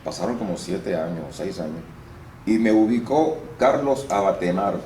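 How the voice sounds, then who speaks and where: Man with a low voice. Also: moderate pace. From Venezuela. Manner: explanatory, lively storytelling with restarts. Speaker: interviewee, actor and voice-over artist. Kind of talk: casual interview. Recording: roomy room with faint noise.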